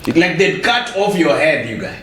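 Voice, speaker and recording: Kenyan dude just chatting with the group, animated delivery, echoey room. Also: male voice, on the high side, moderate pace. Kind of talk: casual group banter. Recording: echoey room with faint noise.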